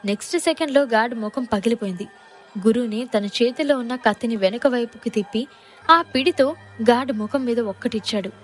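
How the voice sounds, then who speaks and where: Woman, narrator, scripted audio drama, dramatic storytelling, higher voice. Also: brisk, soft background music.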